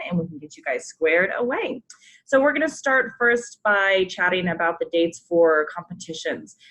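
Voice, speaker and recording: A woman from a sports program staff guides coaches through forms on a conference call, using a screen walkthrough. She is friendly, says um often, and offers polite reminders; her voice is fairly low and a bit bright, though the audio is poor.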